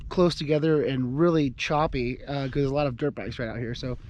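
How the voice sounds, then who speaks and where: A man's voice: mid-range voice, fairly even intonation, a little fast, darkish tone, lo-fi sound, a little hiss or hum. A young man chatting casually outdoors beside his off-road vehicle, rambling with many fillers and restarts. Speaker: off-road vlogger. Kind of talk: casual chat on camera.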